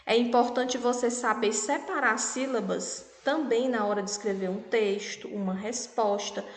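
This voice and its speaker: Brazilian woman, primary teacher, patient and over-articulated, slightly high voice, long reverb. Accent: Brazilian Portuguese. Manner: patient, checks in with "tá bom?" and "né?" often; clear, over-articulates words for children. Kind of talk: recorded online lesson for children. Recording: echoey room with long reverb.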